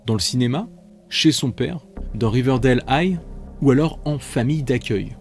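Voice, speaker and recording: A man's voice: mid-range voice, normal speed, soft background music. A man hosting a multiple-choice quiz, reading out questions and options with playful, chatty asides. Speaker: quiz host.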